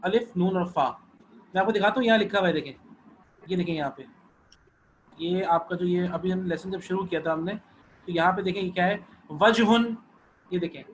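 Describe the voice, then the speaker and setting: A man's voice: sits high, long pauses, slight background noise, poor audio. A man teaching an online Arabic class, patient, often repeating and checking that students follow.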